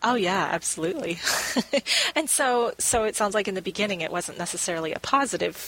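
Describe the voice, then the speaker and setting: A woman's voice: mid-range voice, lively intonation, a little fast, fairly bright tone, husky, rough recording. A woman hosting a podcast, reading a scripted introduction and then asking encouraging, slightly hesitant questions. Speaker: podcast host, coach.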